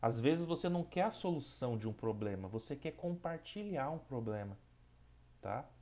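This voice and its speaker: Calm Brazilian man leading spiritist study. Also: mid-range voice, normal speed. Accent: Brazilian Portuguese. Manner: calm and reflective, often checks in with listeners. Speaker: spiritist study group leader. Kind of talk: reading a passage, then reflective teaching talk.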